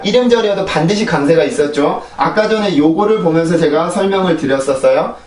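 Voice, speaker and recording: A man teaching English pronunciation, explaining step by step and repeating drill words three times. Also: fairly high pitch. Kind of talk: pronunciation lesson. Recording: echoey room, voice a bit far from mic.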